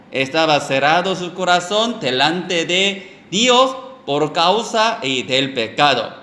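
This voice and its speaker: A man delivers a sermon as a story at a very slow, deliberate pace, breaking off with fillers and restarting his phrases. His voice sits a little high for a man. The recording rings with room echo over a faint background hiss. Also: bright, forceful tone. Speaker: preacher.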